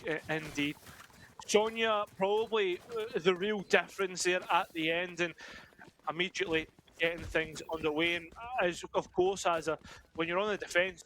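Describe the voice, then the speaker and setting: A man's voice: sits high, steady tone, normal speed, fairly bright tone, slight background noise. A British man analysing an esports match as co-caster, explaining tactics in a thoughtful, hesitant way with many fillers.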